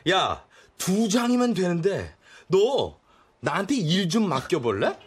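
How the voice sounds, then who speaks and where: A young man voicing a brash, blustering stepbrother with a husky edge to his voice. He speaks high and swings his pitch around a lot as he swaggers through each line. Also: wildly swooping pitch, takes it slowly, full character voice. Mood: pleading. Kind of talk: drama acting.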